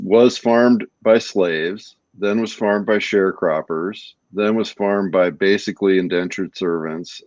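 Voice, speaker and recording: Low-voiced man, thoughtful podcast co-host. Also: no room sound, dull audio. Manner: thoughtful, often checks in with "right?". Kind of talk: casual discussion.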